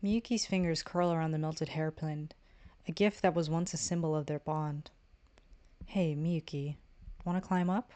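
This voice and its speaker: Lower-voiced woman reading a visual novel. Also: steady tone, normal speed, warm tone. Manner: reads the narration and the player's lines, stumbling at times. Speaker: streamer.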